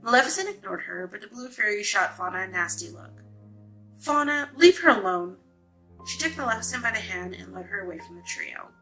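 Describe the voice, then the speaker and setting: A woman reading a novel aloud in a smooth, expressive storytelling voice. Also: medium pitch, fast talker, faint music behind, poor audio.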